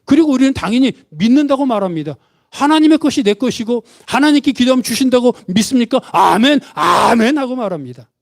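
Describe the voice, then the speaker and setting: A man's voice: very high-pitched, lively intonation, fast talker, a little mellow. A man preaching a sermon as a church pastor, questioning the congregation and acting out quoted speech. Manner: asks the congregation questions and has them repeat after him; acts out the father's and son's words in quotes.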